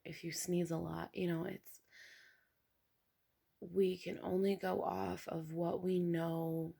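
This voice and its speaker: Gravelly, hushed young woman vlogger. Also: fairly low pitch, flat delivery, takes it slowly. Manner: hushed, half whispering so as not to wake someone; rambling with many fillers and restarts. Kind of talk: casual hushed chat to camera. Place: home, early morning.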